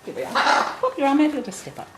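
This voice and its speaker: A woman's voice: sits high, sing-song, fast. Woman chatting in a noisy, echoey room. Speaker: parrot handler. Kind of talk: casual chat. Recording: echoey room, loud background noise, animal sounds.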